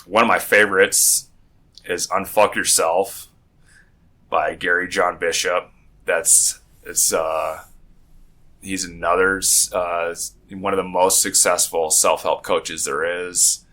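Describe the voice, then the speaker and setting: Low-voiced man with a groggy morning voice. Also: level tone, takes it slowly, pushed and bright. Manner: rambling, with frequent restarts and self-corrections. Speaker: podcast host. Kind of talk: casual podcast chat.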